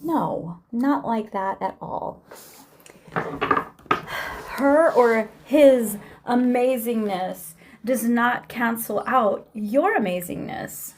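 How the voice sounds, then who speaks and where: A woman's voice: on the high side, very slow. A woman delivering an inspirational faith-based monologue to camera, emphatic and drawn out, with some words dropped to a near whisper. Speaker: vlogger.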